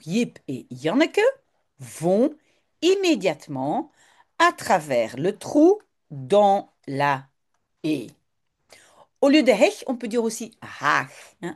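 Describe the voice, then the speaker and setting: A woman teaches at an unhurried pace, reading a short text and explaining it word by word. Her pitch moves freely up and down as she explains. She is patient and thorough, like a tutor going through a lesson. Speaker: language teacher.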